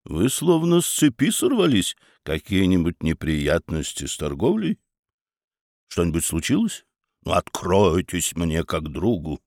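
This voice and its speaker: Man reading a smooth-talking burgomaster, soft and persuading like an old friend, dry sound. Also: deep voice, huge pitch swings, a little slow, no echo, voice pushed down, heavily acted. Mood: gentle. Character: middle-aged male burgomaster, smooth, coaxing official.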